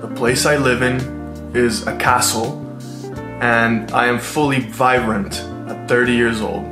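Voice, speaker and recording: A thirtysomething man muses for his vlog in an unhurried, mid-range voice while music plays behind him. His monologue is casual and chatty, with relaxed slangy asides.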